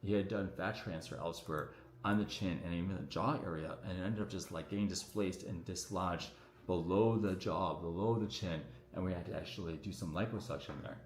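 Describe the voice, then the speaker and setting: A man, a doctor, answering viewer questions on a casual livestream in a relaxed, chatty way full of fillers, his voice echoing around the room. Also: sits low, a little fast. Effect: echoing room sound on the stream. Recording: echoey room audio on a livestream.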